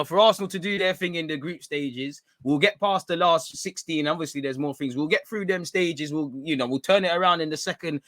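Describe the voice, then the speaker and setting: A young man, hosting a football talk stream in a rambling, slangy, excitable way. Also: high-pitched, no echo. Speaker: football channel host. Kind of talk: casual livestream chat.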